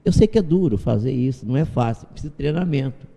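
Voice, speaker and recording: A Brazilian man, a doctor, speaking as an interview guest and telling anecdotes calmly, acting out the dialogue in them. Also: medium pitch, quick pace, vocal fry, husky. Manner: storytelling, acts out dialogue from anecdotes. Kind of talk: calm spiritual interview talk. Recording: long reverb on the voice.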